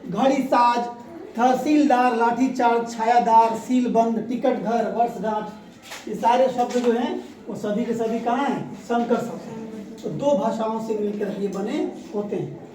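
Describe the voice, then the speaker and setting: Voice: mid-range voice, unhurried, warm tone, slight background noise. A teacher leading a grammar revision lesson, asking the class questions and repeating the key answers. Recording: echoey room, voice from far off.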